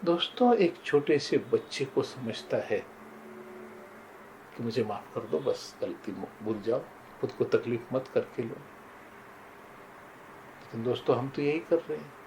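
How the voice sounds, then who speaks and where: A man's voice: medium pitch, animated, slow pace, long pauses, darkish tone, slight background noise, poor audio. An older man shares moral stories in a sincere, storytelling manner, often turning to his listeners as friends. His voice sits in a middle register, and a faint room ambience hums behind him. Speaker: motivational speaker. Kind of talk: motivational talk with personal stories.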